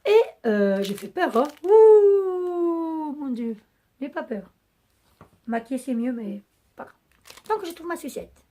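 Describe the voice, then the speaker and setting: Raspy-voiced woman, chatty vlogger. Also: high voice, very animated, slow pace, pauses often, dark tone. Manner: rambling and chatty, many hesitations. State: losing her voice. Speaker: beauty vlogger. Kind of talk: casual chat to camera.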